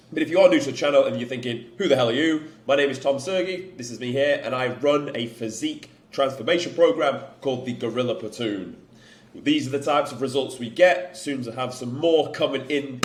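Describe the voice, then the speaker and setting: A young man with a northern English accent, a fitness coach talking bluntly to camera and swearing often. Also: medium pitch. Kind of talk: unedited talking-to-camera vlog. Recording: echoey room.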